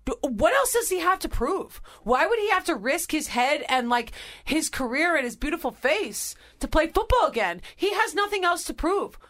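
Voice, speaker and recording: A woman hosts a casual sports talk show with a fairly high voice. She argues her points emphatically and stays fired up. Her tone is chatty and opinionated throughout. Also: very animated, normal speed, a bit bright. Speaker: podcast host.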